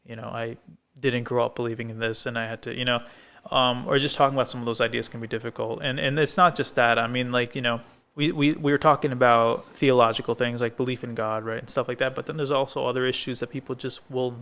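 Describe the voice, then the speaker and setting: A man's voice: medium pitch, steady tone, fast talker, fairly bright tone. A man co-hosting a podcast from a coffee shop set, talking casually and rambling, with many fillers and restarts. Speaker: podcast co-host. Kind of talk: casual conversation. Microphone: filmed podcast set.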